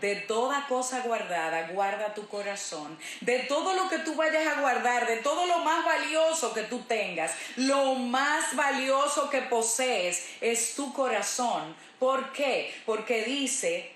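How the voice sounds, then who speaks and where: Slow, emphatic woman pastor preaching. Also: on the high side, animated, fairly bright tone, a little hiss or hum. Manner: slow, emphatic, repeats key phrases. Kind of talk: sermon. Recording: roomy echo.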